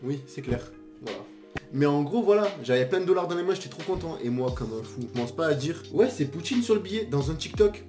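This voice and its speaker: A young man tells travel stories for a vlog, and he talks in a slangy, jokey, animated way with a lot of exaggeration. His voice sits a little high, with light music playing behind him. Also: quick pace. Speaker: vlogger. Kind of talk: casual storytelling vlog.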